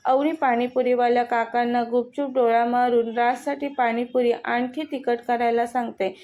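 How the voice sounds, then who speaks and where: A woman's voice: on the high side, little pitch movement, normal speed, phone-quality sound. A woman with a Marathi accent reading a romantic story aloud, voicing all the characters' lines in her own voice. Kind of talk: scripted story narration.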